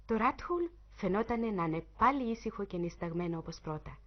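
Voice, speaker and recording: Expressive woman narrating a suspense story. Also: mid-range voice. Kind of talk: dramatic audiobook narration. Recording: muffled lo-fi recording.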